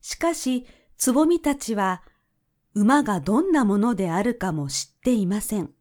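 A woman narrating a children's story in a gentle, measured way. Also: mid-range voice, lively intonation.

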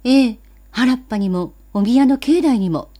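A woman's voice: on the high side, unhurried, mellow, pitched above the performer's own voice. A woman voicing a schoolgirl big sister who talks politely and primly and scolds her little brother. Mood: worried. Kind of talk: storybook reading.

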